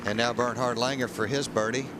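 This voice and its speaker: A man's voice: mid-range voice, fairly even intonation, a little fast. A man commentating on a golf tournament as a broadcast commentator. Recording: outdoor broadcast, clear ambient noise.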